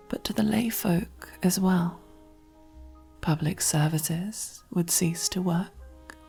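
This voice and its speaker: Speaking intimately in an ASMR roleplay, a woman takes the part of a female mafia boss who is commanding, possessive and silkily affectionate. Her breathy, husky voice, pitched on the low side, often slips into a whisper. She is slow, controlled, intimate and softly commanding.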